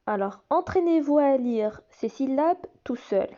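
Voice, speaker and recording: A woman teaching young children to read, sounding out each syllable slowly and repeating it. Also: sits high, lively intonation, dark tone, lo-fi sound. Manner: slow, deliberate, repeats and stretches each sound. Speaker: reading teacher. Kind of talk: slow phonics lesson for young children.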